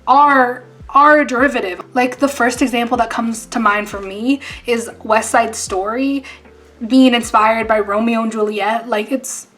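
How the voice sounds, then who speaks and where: A young woman vlogger chatting casually with lots of fillers and lively asides, her voice a little hoarse. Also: fairly high pitch, measured pace. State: losing her voice. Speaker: YouTuber. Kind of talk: casual chat.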